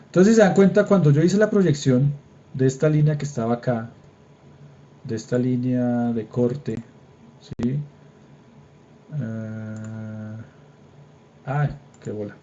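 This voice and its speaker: A man's voice: medium pitch, warm tone. Young colombian guy teaching an online class, patient, keeps checking on his students, slightly muffled video call audio. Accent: Colombian Spanish. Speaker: engineering drawing lecturer. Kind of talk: online class lecture with screen demo. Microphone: computer mic on a video call.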